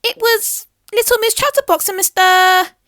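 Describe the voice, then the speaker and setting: A woman voicing an excitable, bossy little troublemaker girl from a picture book, exclaiming and demanding. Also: extremely high pitch, normal speed, dry recording, clean studio sound, pitched above the performer's own voice. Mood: indignant.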